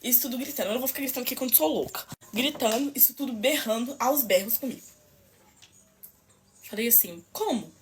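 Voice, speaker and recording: A woman's voice: a little high, fast talker, slight background noise. A young Brazilian woman telling a story to the camera in an emphatic, indignant way, swearing to her viewers and addressing them directly. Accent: Brazilian Portuguese. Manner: emphatic, indignant retelling with oaths and asides to viewers. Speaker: storyteller in a clip. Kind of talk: emotional storytime vlog.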